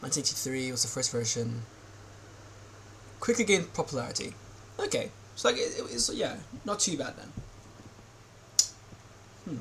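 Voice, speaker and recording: A man's voice: mid-range voice, sing-song, normal speed, pauses often, a bit bright, slight background noise, rough recording. A man giving casual reaction commentary while watching a video, rambling with many fillers and restarts.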